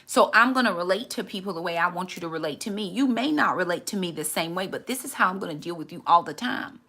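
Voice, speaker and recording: Woman in her 40s, faith talk, gravelly but bright voice, earnest, restarts her words a lot. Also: fairly low pitch, lively intonation, fast. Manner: earnest, candid, repeats words while gathering thoughts.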